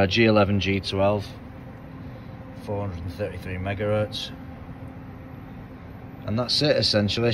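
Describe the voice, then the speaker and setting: A car mechanic in his forties from the United Kingdom talks casually and bluntly to his phone camera, held at arm's length, in a workshop. His man's voice has a fairly low pitch and a British English accent, with slight background noise. The vlog chat is chatty and rambling, full of fillers.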